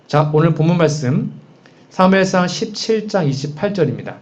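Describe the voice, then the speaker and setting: A pastor with a fairly high, darkish voice preaches a sermon animatedly at normal speed, keeping it conversational and posing frequent rhetorical questions to the congregation. The recording sounds dull and muffled.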